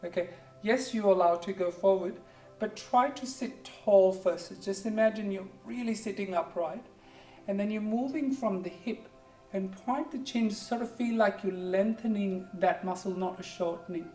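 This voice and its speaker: In an echoey room with faint music and a far-off microphone, a fortysomething yoga teacher from India leads a class with encouragement. English is their second language after Hindi or Punjabi, spoken with an Indian accent in a mid-range voice at a moderate pace. They keep saying "good" and repeat simple, gentle cues throughout the pep talk.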